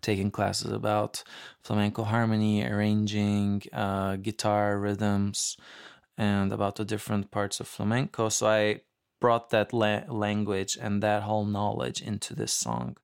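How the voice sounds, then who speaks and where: A man's voice: lowish voice, little pitch movement, measured pace, vocal fry, smooth. A man from Istanbul, Turkey, talking in an interview as a guest musician about his work, recorded in a home studio. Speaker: guest musician, composer and producer.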